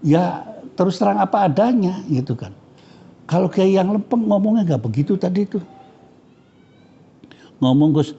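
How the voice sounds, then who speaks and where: A cleric gives a frank, joking scripture lesson. His fairly high voice is mellow with a gravelly edge. The recording sounds dull and lo-fi. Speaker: Islamic cleric teaching scripture. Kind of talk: casual religious study lecture.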